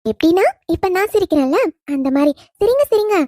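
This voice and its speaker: A woman voicing the gentle, teasing spirit of a young wife in a cartoon, talking with affection to her husband. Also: high voice, moderate pace, dry recording, clean studio sound, close to an everyday voice. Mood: tender teasing. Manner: affectionate teasing, soft laughs. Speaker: dead wife visiting husband. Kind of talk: cartoon voice acting.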